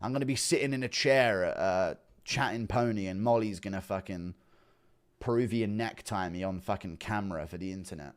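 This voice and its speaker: His voice sits fairly low and moves fairly quickly as he hosts a casual livestream. Blunt, profane chatter with viewers is punctuated by frequent fits of giggling.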